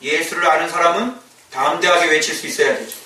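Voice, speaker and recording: A man preaching as a pastor, lively and emphatic, who shouts out quoted lines and fires rhetorical questions at the congregation. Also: a little high, a little fast, slight background noise. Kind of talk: sermon. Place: church sanctuary. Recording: echoey church hall mic at a distance.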